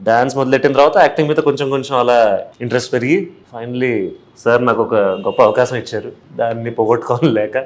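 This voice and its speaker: A man's voice: mid-range voice, steady tone, brisk. Modest young male actor. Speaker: actor, film guest. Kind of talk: casual interview answers.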